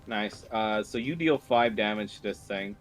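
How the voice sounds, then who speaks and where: A man narrating a tabletop role-playing game as game master in an informal, halting way. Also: on the low side, soft background music.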